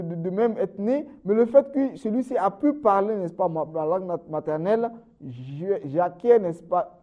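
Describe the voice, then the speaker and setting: An Islamic preacher delivers a sermon in French, constantly tacking on "n'est-ce pas" and swinging between raised, emphatic phrases and low, trailing endings. The sound is lo-fi.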